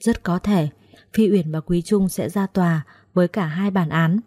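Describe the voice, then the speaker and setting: A woman narrating a first-person audiobook story in a lively, conversational way. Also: on the low side, moderate pace.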